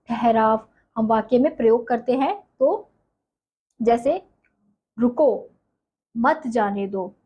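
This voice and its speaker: In an online class, a woman teaches Hindi grammar slowly, repeating points and posing questions to her pupils that she then answers herself. Her voice is high-pitched and the recording sounds muffled.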